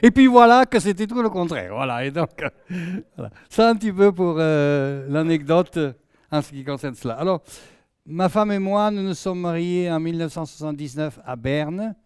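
A man's voice: fairly high pitch, expressive, normal speed, darkish tone, clear, resonant tone, no echo, studio quality. A man in his sixties from southwest France with a southern French accent, a guest preacher chatting jovially through his opening anecdotes. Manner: chatty, jovial, often trailing off with "hein". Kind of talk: sermon introduction with anecdotes.

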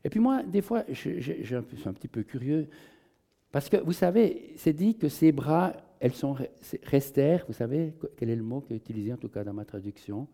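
A man preaching a sermon in a conversational, animated storytelling manner, asking his listeners questions. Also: medium pitch, brisk, vocal fry.

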